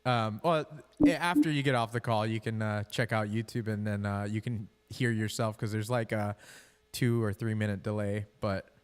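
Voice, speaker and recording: A man's voice: lowish voice, normal speed, clean tone. A man hosting a casual call-in interview, talking in a laid-back, joking way into a room mic. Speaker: host. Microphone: room mic with reverb. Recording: long reverb from a room mic.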